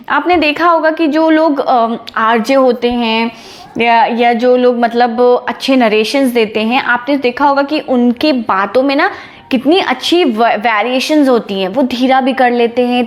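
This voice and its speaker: A young woman teaching public speaking to camera in a casual, energetic way, checking in with her listeners after almost every point. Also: high voice. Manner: energetic, chatty, asks "ठीक है?" after each point.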